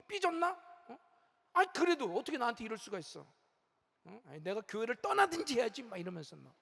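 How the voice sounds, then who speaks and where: A man's voice: extremely high pitch, fairly bright tone. A man preaching a sermon as senior pastor, animatedly acting out complaining churchgoers and often asking the congregation questions. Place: large church sanctuary. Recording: long church hall reverb.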